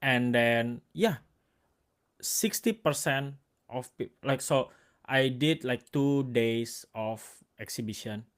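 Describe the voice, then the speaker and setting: A man with an Indonesian accent talks in a relaxed conversational interview. His speech comes in short, stop-start pieces, often restarting words and leaning on fillers. His voice sits at an ordinary middle pitch for a man. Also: clear, resonant tone. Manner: halting, restarts words, many likes and fillers. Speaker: host and photographer.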